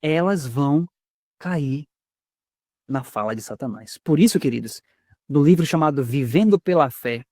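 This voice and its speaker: An earnest Brazilian preacher delivers a sermon in a fairly high voice, with strong emphasis and frequent rhetorical questions. His voice is recorded close and dry, with no room sound around it. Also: expressive, unhurried, warm tone, no room sound. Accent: Brazilian Portuguese.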